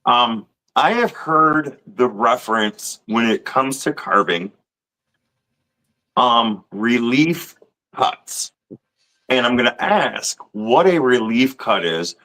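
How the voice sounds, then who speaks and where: A man co-hosts a casual live stream in a bright, forceful voice. He is friendly and easygoing, reading out names and putting questions to the guest. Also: mid-range voice, expressive, slow pace, poor audio. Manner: friendly, reads out names of channel members. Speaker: co-host.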